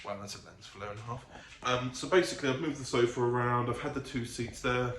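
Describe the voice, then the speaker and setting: In the living room of his own apartment, a vlogger chats casually, rambling hesitantly, correcting himself, and trailing off. His mid-range voice is quick and a bit bright, and the room is echoey with faint ambient noise.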